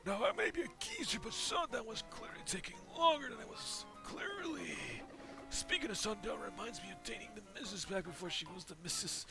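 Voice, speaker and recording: A man's voice: sits high, animated, a little fast, creaky, music in the background, pitched above the performer's own voice. A man voicing a forgetful old male turtle who rambles and keeps losing his train of thought. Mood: nostalgic.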